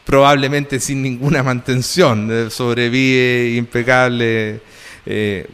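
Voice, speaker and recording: A man hosts the interview in a smooth, resonant voice that trails off into a long reverb. He phrases things formally and elaborately, pausing and restarting as he builds his questions. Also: mid-range voice, steady tone, fairly bright tone.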